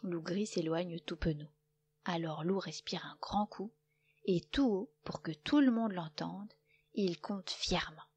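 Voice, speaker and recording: A woman narrating a children's story in a gentle, expressive way. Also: on the low side, a little slow, breathy edge, dull audio.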